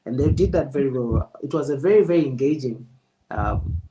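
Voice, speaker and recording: Measured man coaching a speaker. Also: medium pitch, lively intonation, noisy background. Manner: measured, emphatic, deliberate. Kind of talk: spoken feedback to a presenter.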